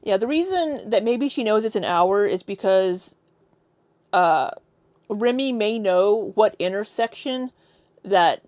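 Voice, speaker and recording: A woman's voice: medium pitch, a little mellow, dry recording. Woman co-host, casual livestream chat, blunt and profane, dry close sound. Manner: blunt, sweary, reads chat aloud.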